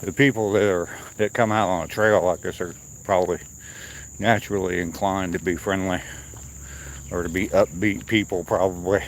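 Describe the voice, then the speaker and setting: A man with a low voice is walking and talking on a trail in the woods. He chats casually to his stream in an unscripted way, pausing as he goes. Faint outdoor noise and insects sit behind him. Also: steady tone. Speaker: livestreamer on a morning walk. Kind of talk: casual chat to viewers.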